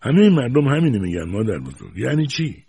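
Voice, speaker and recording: A man's voice: mid-range voice, very animated, creaky, warm tone, breathy edge, dry recording, pitched above the performer's own voice, full character voice. A man voicing a defiant young boy who answers back and stammers.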